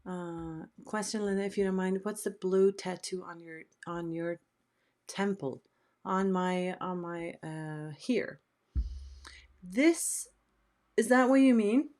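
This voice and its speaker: A middle-aged Swedish woman, a native speaker, hosts a casual live stream, chatting while reading out viewer questions. Her voice is lowish and darkish in tone, and she speaks slowly.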